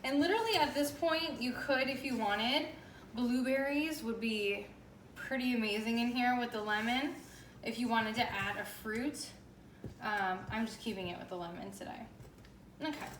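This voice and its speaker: A woman's voice: a little high, normal speed, fairly bright tone. A woman giving a casual, chatty home baking demonstration, talking informally and with emphasis as she hosts. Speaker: home baking show host. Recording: roomy echo, distant mic, noisy background.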